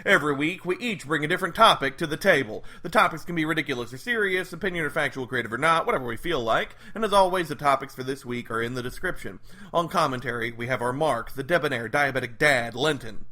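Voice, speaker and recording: Man, podcast host, jokey, casual chat, bright tense tone. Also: on the high side. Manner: upbeat, jokey, quick asides. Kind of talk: casual wrestling podcast talk.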